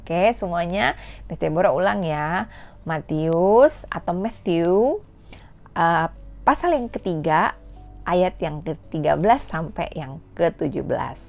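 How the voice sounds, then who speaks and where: A woman's voice: lowish voice, slow, gravelly, faint music behind. Cheerful woman teaching kids' Sunday school. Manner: cheerful, animated, child-directed. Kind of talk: online Sunday school lesson for kids.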